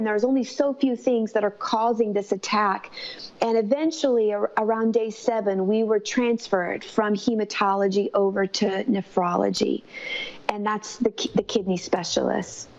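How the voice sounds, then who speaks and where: A mother tells the story of her daughter's illness as a personal testimony of faith, speaking earnestly and conversationally. Her voice is mid-range and a little mellow, and the recording sounds slightly dull and lo-fi.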